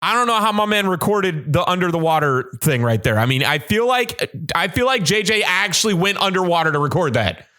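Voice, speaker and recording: Bright-voiced young man reacting. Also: sits high, expressive, fairly quick, hardly any pauses. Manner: laughing, slangy, talks to viewers. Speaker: reaction video host. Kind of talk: casual reaction commentary.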